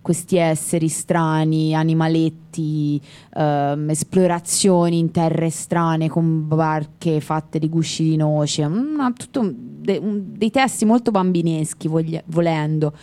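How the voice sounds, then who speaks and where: A woman's voice: low voice, slow, warm tone. A woman co-hosting a music radio show, chatting casually and wandering off on tangents. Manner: chatty, digressive, laughs easily. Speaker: radio co-host.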